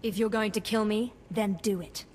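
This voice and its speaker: A woman's voice: medium pitch, fairly even intonation, normal speed, darkish tone, close to an everyday voice. An actress playing a smug, sarcastic young woman Sith acolyte in a video game. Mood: defiant. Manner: smug, mocking. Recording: game audio with noisy background.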